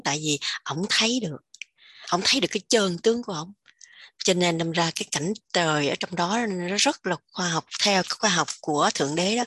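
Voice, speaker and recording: A woman's voice: on the low side, a bit bright, breathy edge, dry recording. A woman telling stories in a chatty way, often laughing. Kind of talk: religious discussion.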